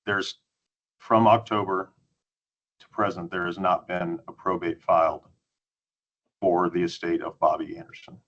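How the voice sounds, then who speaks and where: A man's voice: low-pitched, little pitch movement, a little slow, pauses often, a bit bright, dull audio. A man testifying as a witness at a hearing over a video call, giving brief, matter-of-fact answers. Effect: heard over a video call. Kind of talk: answering questions under examination.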